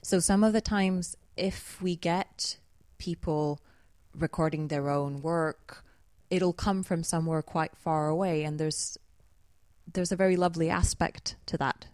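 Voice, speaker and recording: A woman's voice: fairly low pitch, fairly even intonation, measured pace, darkish tone, no room sound. A woman co-hosting a podcast, chatting in a reflective way and laughing easily. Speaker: podcast co-host and editor. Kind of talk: casual podcast chat.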